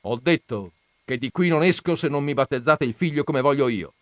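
Brief: male reader as a gruff, defiant, threatening village strongman, grumbling, storybook. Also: mid-range voice, normal speed, no echo, studio quality, voice pushed up, natural voice. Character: Peppone, gruff stubborn communist mayor, threatening. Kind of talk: dramatized audiobook reading.

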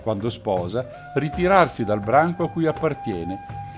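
A man narrating a novel aloud in a steady, measured storytelling voice, with faint music behind. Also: medium pitch.

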